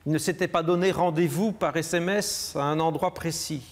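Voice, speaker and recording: A man preaching a measured, reflective sermon in a church. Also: on the high side, fairly even intonation. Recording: long church reverb.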